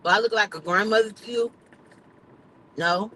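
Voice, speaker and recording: A woman's voice: mid-range voice, moderate pace, sharp tone, slight background noise, low-quality recording. A middle-aged woman chatting casually on a livestream, blunt and emphatic, swearing freely. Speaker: vlogger.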